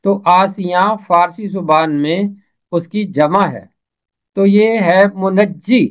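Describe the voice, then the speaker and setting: A man teaching an Urdu pronunciation lesson, saying each example phrase twice in a measured way. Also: high-pitched, dull audio.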